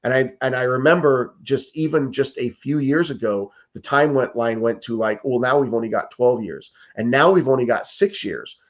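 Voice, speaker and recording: An earnest, urgent man in his fifties from the United States, a political candidate, fields interview questions with frequent restarts and fillers like "like" and "you know." He speaks in a mid-range voice at a moderate pace with few pauses, and the recording has its highs cut off.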